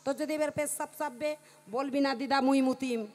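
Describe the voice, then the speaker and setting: A stern grandmother and devotional singer, voiced by a woman telling the tale gives curt, scolding orders. The voice is high. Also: fairly even intonation, moderate pace, a little mellow, faint music behind, lightly acted. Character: older female devotional singer, bossy grandmother.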